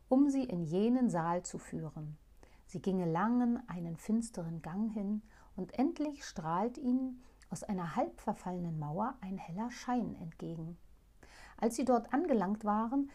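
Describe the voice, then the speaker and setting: A woman narrating a fairy tale in a calm, hushed storytelling voice that sometimes drops to a near whisper. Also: medium pitch.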